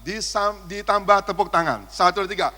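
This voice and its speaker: Bright-voiced male pastor, lively and joking, preaching in a reverberant hall. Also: high-pitched, moderate pace. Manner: energetic, shouts cues and jokes with the crowd. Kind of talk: lively sermon leading the congregation. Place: church function hall. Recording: long reverb of a large hall.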